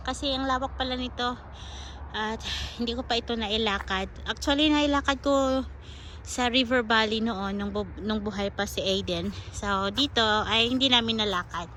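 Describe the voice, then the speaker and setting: Holding her phone camera as she walks a park trail outdoors, a woman chats to viewers in a casual vlog, her fairly high voice pushed and bright at a moderate pace. She's winded on the uphill part but keeps up a coaxing, sing-song baby talk to a squirrel. A slight hiss or hum sits under the recording.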